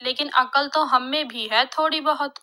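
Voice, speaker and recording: A woman's voice: high voice, steady tone, normal speed, sharp tone. A woman voicing an older village headman, a father-in-law who teases and scolds his new daughter-in-law. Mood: teasing. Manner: teasing, scolding.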